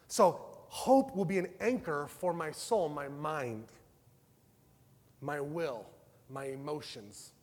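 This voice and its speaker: A high-voiced pastor delivers a slow, conversational sermon, swinging between loud, passionate bursts and hushed, tender stretches. A long reverb, like that of a large hall, carries his words.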